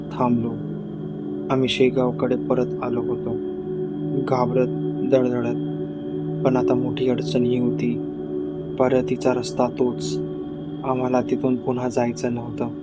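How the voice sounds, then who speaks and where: A man narrating a scripted horror story in a measured, even storytelling voice. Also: mid-range voice. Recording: loud music bed. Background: loud eerie background music.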